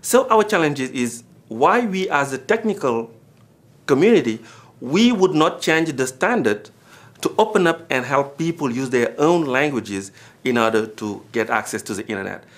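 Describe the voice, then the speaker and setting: A man's voice: expressive, normal speed. Earnest Senegalese man recounting his experience. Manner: earnest, rises in pitch and volume on key points. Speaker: former board director. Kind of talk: recorded personal account.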